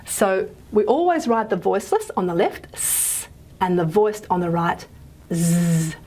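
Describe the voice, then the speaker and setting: A woman with a warm, medium-pitched voice and big pitch swings gives a casual recorded phonetics lecture. Ums and frequent "okay?" checks fill her talk; she sounds out example consonants and pauses while writing and erasing on the board.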